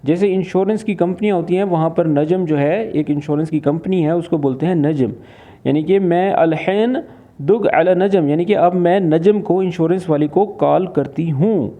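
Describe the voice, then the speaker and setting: Male language teacher from Pakistan, patient repetitive explaining, high voice, tinny phone-like sound. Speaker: Arabic teacher. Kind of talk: explaining and translating phrases.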